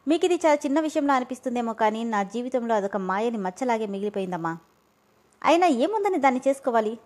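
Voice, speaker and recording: A woman's voice: a little high, expressive, fast, a little mellow, lightly acted. A woman doing a cruel, mocking young man. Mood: defiant. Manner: mocking, scornful. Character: cruel arrogant young man, taunting and cold.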